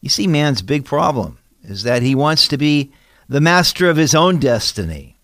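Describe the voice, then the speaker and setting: A man delivers an expository sermon, reading scripture and then explaining it with emphatic rhetorical questions. His voice sits a touch higher than most men's and moves up and down a great deal as he stresses key words. The recording is dry and close, with no room sound. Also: very animated, normal speed, fairly bright tone, no room sound. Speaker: Bible teacher.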